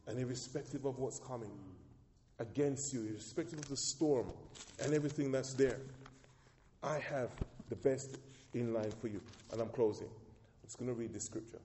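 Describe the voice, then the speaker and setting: A man's voice: medium pitch, moderate pace, mellow, a little hiss or hum. A man pastor preaching a sermon, calling out to his congregation with rising emphasis. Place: church. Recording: echoey church hall.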